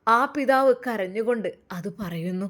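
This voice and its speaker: A woman's voice: medium pitch, normal speed. A woman with a Malappuram Malayalam accent narrating a religious story in a dramatic, mournful way. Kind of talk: scripted emotional narration.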